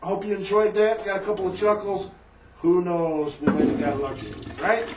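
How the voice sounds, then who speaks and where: A man's voice: sits high, steady tone, normal speed, heavy background noise. A man hosting a comedy talk show, bantering in a joking, upbeat way. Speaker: host. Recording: echoey room, distant mic, loud music.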